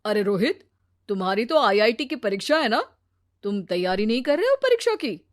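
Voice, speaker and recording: A woman voicing a sensible grown man, a brother-in-law who talks patiently and gently lectures. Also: on the high side, very animated, normal speed. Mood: gently lecturing.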